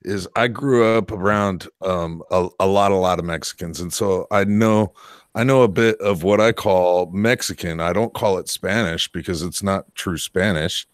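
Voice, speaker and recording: Low-voiced American man, halting. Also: no echo, studio quality. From United States. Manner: hesitant, repeats words. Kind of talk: casual panel chat.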